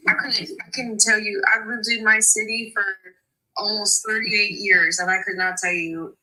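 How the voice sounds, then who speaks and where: A woman's voice: mid-range voice, flat delivery, normal speed, pushed and bright, rough recording. A woman in her thirties in casual chat, blunt and swearing freely.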